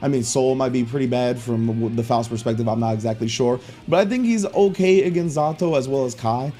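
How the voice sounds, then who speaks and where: A man delivers quick, analytical fighting game commentary. He talks fast, and his tone is warm and dark. Soft music runs faintly underneath. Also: mid-range voice. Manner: analytical, rapid-fire breakdowns. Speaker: esports co-commentator. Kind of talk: tournament commentary.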